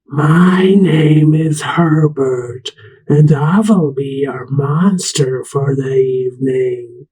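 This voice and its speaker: A shy, bookish monster from a children's storybook speaks in a low, breathy, panting voice, as a woman puts him on. He talks slowly and formally, with a very husky, airy tone and deep pitch. He is mild and courteous, not frightening. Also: dark tone, heavily acted, rough recording. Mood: polite, gentle. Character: timid male substitute monster, polite and bookish. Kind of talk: storybook read-aloud.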